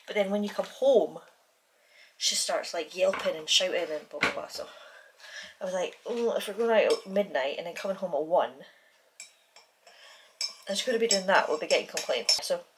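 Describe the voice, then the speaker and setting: A woman's voice: lowish voice, normal speed, pauses often, noisy background. A woman in her thirties with a British accent, chatting casually to a handheld camera at home. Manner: chatty and rambling, scolding her dog playfully. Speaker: vlogger. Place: home kitchen and living room. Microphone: handheld camera at arm's length.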